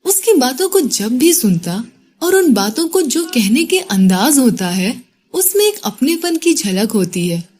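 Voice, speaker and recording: Female storyteller, expressive scripted narration, animated pitch. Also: unhurried, breathy edge.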